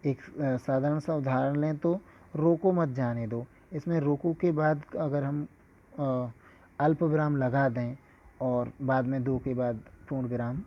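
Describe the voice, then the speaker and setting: A man teaching a lesson in a measured, explanatory way, with an occasional filler. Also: mid-range voice, little pitch movement. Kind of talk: scripted lesson lecture. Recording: dull lo-fi recording.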